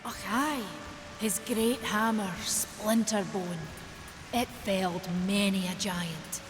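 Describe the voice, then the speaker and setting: An actress playing a brisk, solemn female smith in a fantasy game, with a Scottish accent and a plain-spoken manner. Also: mid-range voice, natural voice. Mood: solemn, concerned. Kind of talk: dramatic fantasy game dialogue. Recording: very loud music behind.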